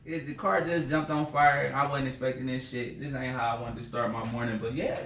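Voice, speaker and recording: A man co-hosting a podcast, telling a story in animated, profane casual chat. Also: medium pitch, brisk. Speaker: podcast co-host. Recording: echoey room, distant mic, faint noise.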